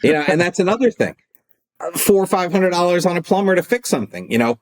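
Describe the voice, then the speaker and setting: Fast and high-voiced, this middle-aged former attorney turned coach chats casually during a podcast interview. His storytelling is animated, complete with acted-out phone calls and arguments.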